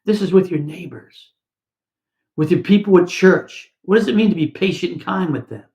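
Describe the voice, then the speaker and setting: Casting: man, chaplain, gravelly, halting, chatty sermon delivery, echoey room. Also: sits high, expressive, a little mellow. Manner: conversational, with many restarts and quoted asides. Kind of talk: devotional sermon.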